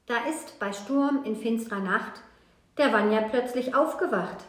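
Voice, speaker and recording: Slow, rhythmic woman reading a rhyme. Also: a little high. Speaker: storyteller. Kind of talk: reading a rhymed children's story aloud. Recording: echoey room, faint noise.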